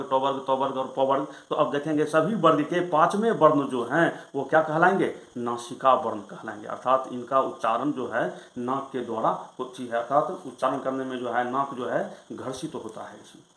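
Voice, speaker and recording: A male Sanskrit grammar teacher explaining rules in a lesson, reciting them slowly and then asking and answering his own questions. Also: medium pitch, fairly bright tone, echoey room, rough recording. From Bihar, India.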